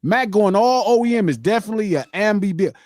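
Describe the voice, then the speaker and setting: High-voiced man hosting a live stream. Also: fast, no echo, studio quality. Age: 50s. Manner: reads viewer shout-outs, animated banter. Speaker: podcast host reading donations. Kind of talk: casual live-stream chat.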